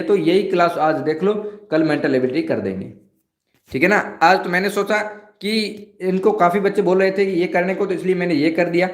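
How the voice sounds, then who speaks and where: A man's voice: high-pitched, roomy sound. A man teaching a live online class, asking questions and repeating each word.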